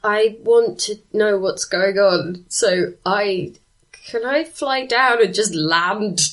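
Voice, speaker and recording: A woman's voice: medium pitch, slow, fairly bright tone. A woman playing a tabletop game, asking hesitant questions about her options. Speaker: player.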